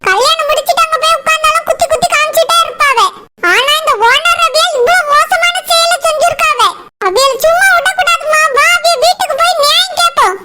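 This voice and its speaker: A woman voicing a proud, sharp-tongued young bride in a cartoon, speaking bluntly. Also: extremely high pitch, fairly quick, far from the mic, background noise. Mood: indignant. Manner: blunt, scolding. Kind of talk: cartoon voice acting.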